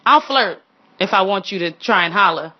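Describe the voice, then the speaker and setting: A woman's voice: mid-range voice, moderate pace. A young adult woman hosting a casual advice talk show, speaking frankly and acting out quoted lines. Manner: frank and animated, acts out quoted lines in character. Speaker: podcast host. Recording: dull lo-fi recording.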